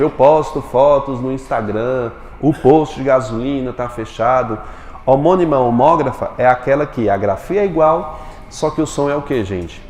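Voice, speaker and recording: A male teacher giving a Portuguese lesson in a classroom, quizzing his students with quick questions. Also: medium pitch, darkish tone, roomy sound, big-room sound.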